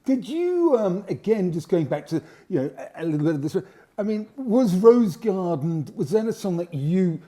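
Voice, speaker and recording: Man, podcast host, mellow tone, animated pitch, fairly high, hesitant questions. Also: moderate pace. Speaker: podcast host, son of guest. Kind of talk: casual interview.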